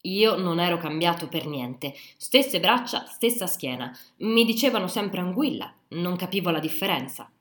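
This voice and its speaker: Female audiobook narrator, calm and measured, low-pitched, recorded with roomy echo.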